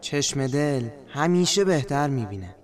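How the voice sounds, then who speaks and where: A man's voice: medium pitch, lively intonation, slight background noise, natural voice. A man acting a reflective, reassuring character in a poetic audio drama.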